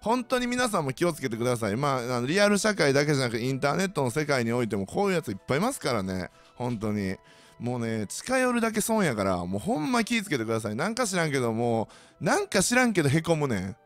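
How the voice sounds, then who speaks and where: A man's voice: mid-range voice, fast talker, soft background music. A man with a Kansai accent hosting a casual monologue, ranting sardonically as he tells his stories to the listeners. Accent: Kansai Japanese. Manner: ranting, sardonic, animated storytelling. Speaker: host.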